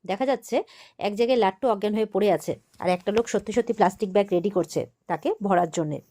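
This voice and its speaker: A woman's voice: medium pitch, mellow. A woman recapping a TV serial episode in a casual retelling, quoting the characters' lines as she goes. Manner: retells quickly, quoting each character's lines with light emphasis.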